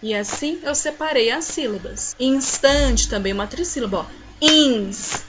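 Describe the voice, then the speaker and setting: High-voiced Brazilian woman teacher. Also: animated, dull audio, heavy background noise. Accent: Brazilian Portuguese. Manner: slow syllable-by-syllable pronunciation of example words. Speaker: primary school teacher. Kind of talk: recorded lesson for young pupils.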